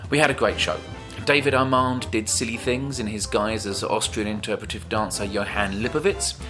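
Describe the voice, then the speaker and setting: A man's voice: on the low side, steady tone, moderate pace. A man hosting a podcast with scripted narration, presenting as a performer himself. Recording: music behind the voice.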